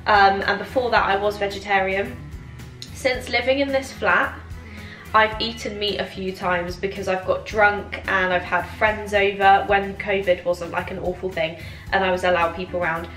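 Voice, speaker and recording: A woman's voice: mid-range voice, steady tone, normal speed, fairly bright tone. Giggly, tipsy young British woman, roomy sound. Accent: British English. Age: 20s. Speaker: vlogger answering viewer questions. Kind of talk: casual chatty Q&A to camera. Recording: roomy echo, music behind.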